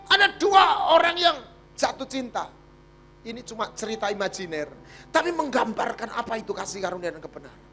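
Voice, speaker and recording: A man's voice: very high voice, sharp tone. A man preaching with an East Javanese accent, telling a jokey story and asking the congregation questions. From Madiun, East Java, Indonesia. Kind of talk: storytelling sermon.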